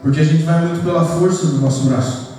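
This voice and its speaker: Brazilian pastor preaching in an echoey church. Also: male voice, fairly high pitch, fast talker, mellow, a little hiss or hum. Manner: earnest, addresses the congregation as "queridos". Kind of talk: sermon. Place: church hall. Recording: echoey church hall picked up from far off.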